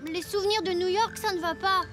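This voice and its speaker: A woman voicing a carefree, excitable young boy in an animated series, breezy and exclamatory, quick to tease or get exasperated. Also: extremely high pitch, soft background music. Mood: exasperated, teasing. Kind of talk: animated children's series dialogue.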